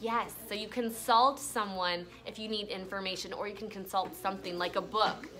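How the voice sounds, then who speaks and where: In a classroom with pupils, a woman teaches an elementary vocabulary lesson and read-aloud interactively, explaining words and frequently prompting with questions and check-ins. Her medium-pitched voice is steady in tone, a bit bright, and moderately paced.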